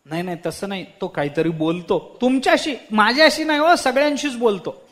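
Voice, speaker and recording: Preacher voicing a pious village Brahmin, earnest and pleading, very high voice. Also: male voice, expressive, a little fast, a bit bright. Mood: insistent.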